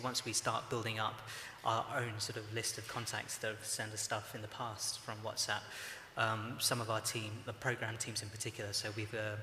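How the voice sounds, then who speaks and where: Low flat-voiced man on a panel. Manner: measured, explanatory, many fillers. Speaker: panelist from a broadcaster's social news team. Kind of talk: conference panel discussion. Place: conference hall, live panel. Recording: echoey hall with faint noise.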